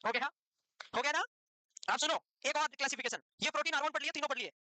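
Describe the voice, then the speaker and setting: A woman teaches a lively exam-prep class at high speed, her voice high and bright. She fires questions at her students, answers them herself and slips in teasing scolds. The sound is dry and close. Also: quick pace, no room sound, low-quality recording.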